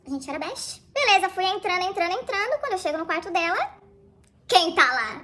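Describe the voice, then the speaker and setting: Very high, bright, fast-talking young woman. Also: big pitch swings. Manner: dramatic, slangy, exaggerated. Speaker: storyteller. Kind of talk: comic first-person storytelling.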